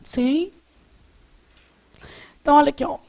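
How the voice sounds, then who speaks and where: A Brazilian woman in her thirties teaching Portuguese grammar in an emphatic, animated manner, stretching out syllables when she spells and acting out quoted dialogue. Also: sits high, a little slow, creaky. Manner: acts out quoted dialogue in lively voices. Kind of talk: classroom lecture.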